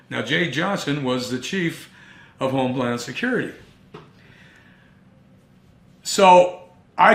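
A man telling his own story in a first-person monologue, earnest and emphatic, with dramatic pauses. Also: mid-range voice, a bit bright. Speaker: speaker recounting his own investigation. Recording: roomy echo.

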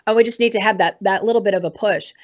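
A woman's voice: mid-range voice, very fast. An American woman hosting a political talk show, giving informal commentary in an emphatic, exhorting manner. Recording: dull, muffled lo-fi audio.

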